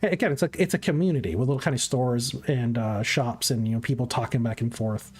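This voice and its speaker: A game master improvising descriptive tabletop narration in a halting, conversational way. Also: medium pitch, a little hiss or hum.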